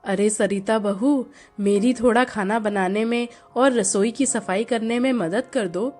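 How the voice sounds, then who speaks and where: A long-suffering mother-in-law, acted by a woman narrator who sounds weary and gentle. Her voice is set somewhat lower than the storyteller's own. It is a storybook telling with faint music. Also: a little slow.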